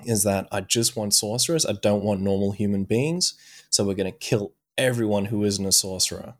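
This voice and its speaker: Casual swearing podcast co-host, lowish voice. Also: male voice, moderate pace. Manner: swears freely, loose storytelling with many fillers. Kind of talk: casual chat, retelling an anime plot.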